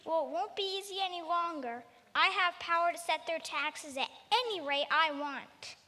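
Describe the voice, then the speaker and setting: A woman's voice: extremely high pitch, moderate pace, pushed and bright, in a large hall, a little hiss or hum. A woman voicing a short, pompous male tax collector in a cartoon, boastful and self-important. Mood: smug. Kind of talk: cartoon acting.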